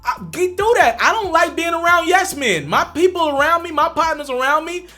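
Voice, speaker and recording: With an extremely high, pushed, bright voice at normal speed, a young man runs a commentary channel and speaks straight to the camera. Faint music sits behind his emphatic address to viewers, where he repeats points to stress them.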